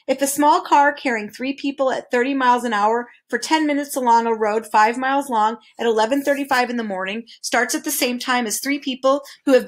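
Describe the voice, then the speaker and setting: A fussy, know-it-all creature with twelve faces, voiced by a woman reading a storybook aloud. He lectures and scolds in a high, emphatic voice. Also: close to an everyday voice. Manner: lecturing, pedantic, exclamatory. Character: fussy precise male twelve-faced creature.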